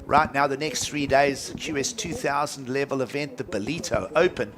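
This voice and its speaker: A man's voice: mid-range voice, normal speed, very noisy. Surf contest announcer, male, middle register. Colloquial, enthusiastic live sports commentary.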